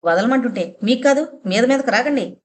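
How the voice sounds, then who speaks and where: A woman's voice: mid-range voice, expressive, close to an everyday voice. Woman voicing a furious grieving mother. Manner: shouting, scornful, fast bursts. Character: grieving middle-aged mother, furious at husband.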